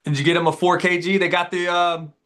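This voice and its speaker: Laid-back male host, casual, slightly higher voice. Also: fairly quick. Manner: relaxed, says "man" and "dude". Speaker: podcast host. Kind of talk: casual conversation.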